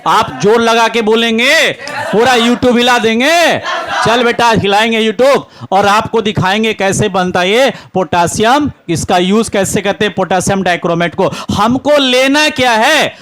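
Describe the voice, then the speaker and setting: A man with a Bihari Hindi accent teaching a chemistry lesson, constantly asking his class questions and answering them himself, calling the students "beta". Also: high-pitched. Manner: grows louder and excited, cheering students on. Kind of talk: classroom lecture, call-and-response.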